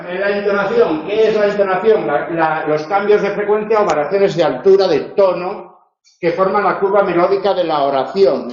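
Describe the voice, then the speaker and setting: Explaining things one step at a time, the Spanish-accented university tutor corrects himself as he goes and often tags his points with quick questions. His fairly high, slightly mellow voice is caught in a roomy, rather dull classroom recording.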